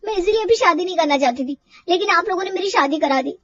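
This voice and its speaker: An exasperated young bride in a storybook cartoon, voiced by a woman, stubborn and put-upon. The voice is high, and the recording comes across dull and slightly distant. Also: expressive, fast talker, dry recording. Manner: exasperated and complaining.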